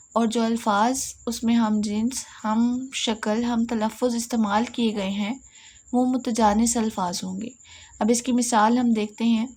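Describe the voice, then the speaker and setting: A woman's voice: fairly high pitch, mellow. A woman with a Pakistani Urdu accent teaching a lesson, explaining step by step and repeating key points.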